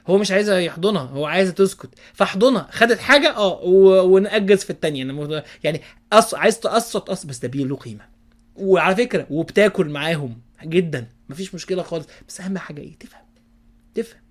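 A man with an Egyptian accent preaches in an easygoing, folksy way and keeps checking in with his listeners. His voice sits a little high, and his words tumble out fast, with many restarts. At times he sinks to a soft, hushed tone. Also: expressive. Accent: Egyptian Arabic. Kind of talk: casual religious advice talk.

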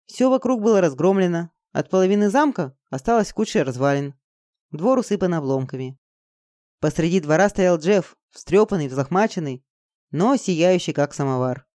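Audiobook narrator, mid-range voice, dry close sound, even storytelling. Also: medium pitch, normal speed, dry recording.

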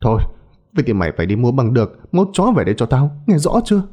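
A man's voice: mid-range voice, very animated, rapid-fire, warm tone. A man voicing a cruel, greedy old woman who screeches and scolds her servant. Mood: furious.

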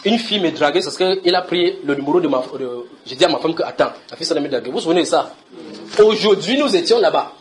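A man preaching at a house church gathering, telling a story in an animated way and calling out to his listeners. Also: a little high, quick pace, a little hiss or hum. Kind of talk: sermon.

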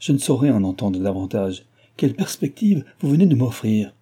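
A man's voice: medium pitch, sing-song, moderate pace, dark tone, breathy edge. A man reading aloud, voicing an earnest young woman who pleads her case in an old novel. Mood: distressed.

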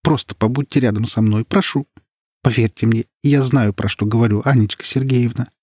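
A man's voice: mid-range voice, steady tone, fairly quick, a little mellow, no room sound, studio quality, pitched above the performer's own voice, natural voice. A man voicing a frightened young woman who pleads urgently through tears. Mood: frightened, imploring. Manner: urgent, imploring. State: crying. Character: young granddaughter maid, frightened and tearful.

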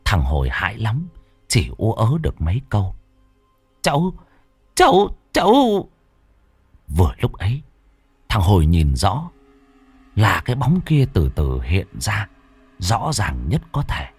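A man narrating a scripted ghost story with dramatic, drawn-out slowdowns. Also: deep voice, very animated, breathy edge, no echo, soft background music.

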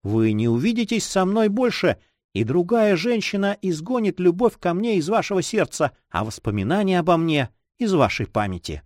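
A man's voice: high-pitched, big pitch swings, moderate pace, a little mellow, no room sound, studio quality, voice pushed up. A man voicing a sorrowful teenage girl. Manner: sorrowful, trembling. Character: timid sad 16-year-old Spanish girl. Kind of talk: audiobook character reading.

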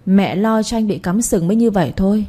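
Woman playing a scornful older mother-in-law, shrill and nagging, warm low-toned voice. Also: fairly quick, natural voice. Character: sharp-tongued scolding older mother-in-law.

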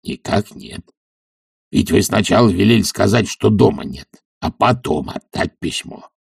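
A man voicing a surly, stubborn old male servant in a hoarse, low mutter, for an audiobook. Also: lively intonation, measured pace, no room sound, studio quality, full character voice. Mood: sullen.

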